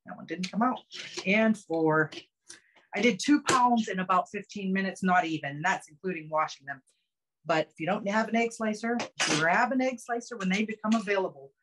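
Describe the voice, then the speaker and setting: A middle-aged woman chats brightly through a casual home-kitchen cooking demo on a video call, explaining every step. She speaks at normal speed with a medium pitch, and the close-up phone camera also picks up background noise.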